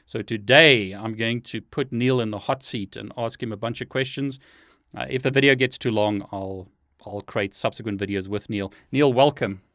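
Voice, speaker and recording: A man's voice: on the low side, normal speed, a bit bright, no room sound, studio quality. A man hosting an interview, asking questions in a friendly, casual way. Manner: friendly, asks questions with light laughter. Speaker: show host interviewer.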